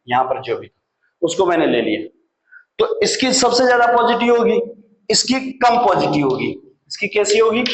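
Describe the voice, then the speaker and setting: Male chemistry teacher, high-pitched, drills terms by question and answer; roomy classroom sound. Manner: asks the class questions and answers them himself, repeating key terms. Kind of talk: classroom lecture. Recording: echoey classroom.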